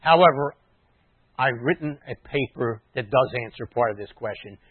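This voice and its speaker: A man preaching a sermon in a teacherly way, explaining words and dropping into quiet asides. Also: medium pitch, normal speed, husky, no room sound. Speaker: messianic rabbi preaching. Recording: dry tinny phone-like sound.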